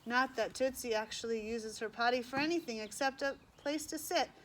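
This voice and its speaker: A woman's voice: fairly high pitch, normal speed. Woman reading a children's novel aloud. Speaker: reader.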